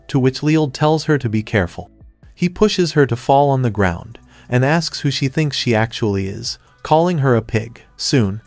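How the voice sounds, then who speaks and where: A man narrating a manga recap in an even, scripted third-person retelling. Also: mid-range voice, no room sound. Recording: dry voice-over with faint music.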